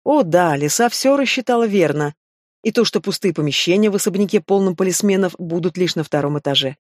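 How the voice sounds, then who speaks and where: A woman narrating a fantasy novel audiobook in a steady, measured way. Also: fairly low pitch, dry recording, studio quality. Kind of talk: scripted narration.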